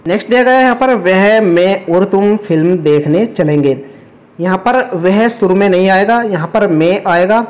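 A man's voice: high-pitched, normal speed. A man teaching a lesson, going through a past exam paper step by step and patiently repeating each correction, with English terms mixed in. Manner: step-by-step explaining, mixes English terms into Hindi.

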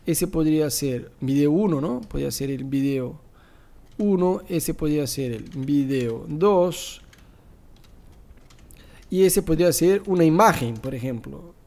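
A Rioplatense-accented man sits at his screen and walks viewers through a live online class, his voice riding fairly high. He teases his listeners and throws in rhetorical asides as he explains each step. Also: a little slow, creaky. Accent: Rioplatense Spanish. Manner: animated, teasing, rhetorical asides. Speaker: pastor teaching church advertising.

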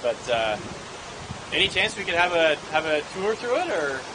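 A man's voice: fairly high pitch, sing-song, moderate pace, noisy background. A man in his thirties on a vlog trip, chatting casually and asking a lot of questions outdoors on a harbor dock. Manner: curious, asks many questions. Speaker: vlogger touring a harbor. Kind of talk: casual chat.

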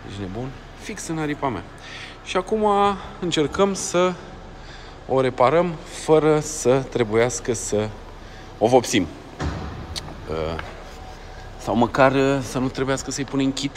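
A young man tells a story casually from inside his car, lively and colloquial, with sound effects. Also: medium pitch, slight background noise. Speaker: vlogger. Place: in a car, outdoors traffic around.

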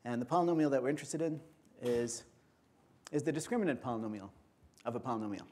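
A man giving an academic conference lecture in an auditorium, explaining step by step in a measured way. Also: medium pitch, animated, a little mellow, a little hiss or hum.

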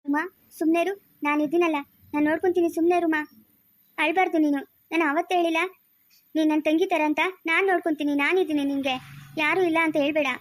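A woman's voice: very high voice, steady tone, quick pace, no room sound. A woman playing a firm but kind policewoman who talks sternly and comforts like an elder sister in a family moral drama. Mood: soothing.

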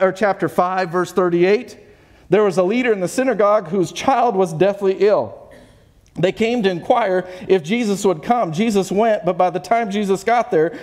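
A man's voice: high voice, darkish tone. A man preaching a sermon as pastor, reading scripture aloud with earnest, self-correcting asides.

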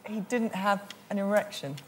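A woman's voice: medium pitch, moderate pace. A woman on a comedy quiz panel, giving short, bashful answers. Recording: heavy background noise.

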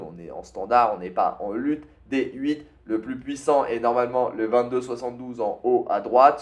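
A man with a mid-range voice chats casually over a strategy game, thinking out loud and sprinkling in little fillers. He's from France and talks straight into a desktop mic. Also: mid-range voice. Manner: chatty, thinks aloud with fillers and tag "hein". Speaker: gaming YouTuber.

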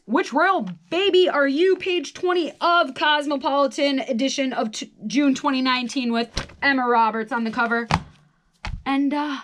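An American woman in her twenties hosts a solo quiz video from a small radio studio, reading the questions aloud in a casual, chatty way. Her voice sits high and a little bright, and she slips in wry, self-deprecating asides.

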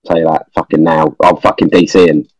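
A man's voice: a bass voice, little pitch movement, a little fast, a little mellow, no echo, low-quality recording. A young man in gameplay chatter on a headset mic, swearing constantly and sounding exasperated. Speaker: gamer.

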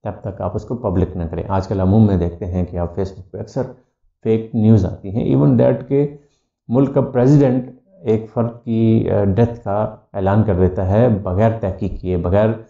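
A male educator with an Urdu accent lectures in a dark, gravelly voice, mixing English terms into his explanations with frequent "uh" fillers. His voice sits low and mellow. The recording is dull and lo-fi, with an echoey room around him. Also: fairly even intonation, a little slow. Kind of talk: lecture-style talk.

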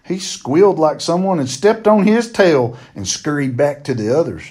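Guy reading a kids' novel out loud, kinda high voice, steady plain delivery. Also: normal speed. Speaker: reader of a children's novel chapter. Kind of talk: read-aloud storytelling.

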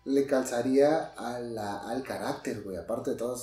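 Hombre mexicano tajante, algo lejos del micro. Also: male voice, mid-range voice, moderate pace, mellow, reverberant, far from the mic. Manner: blunt, opinionated, swears freely. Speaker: podcast co-host. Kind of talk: casual chat.

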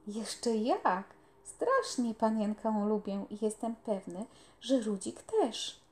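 A woman's voice: fairly high pitch, animated, takes it slowly, darkish tone. A woman doing a cheerful country boy.

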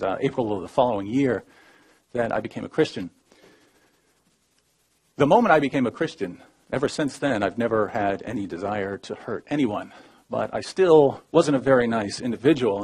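A man in his thirties giving a personal testimony as a debater, in a measured, low-key storytelling manner that often drops quiet. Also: lively intonation, husky.

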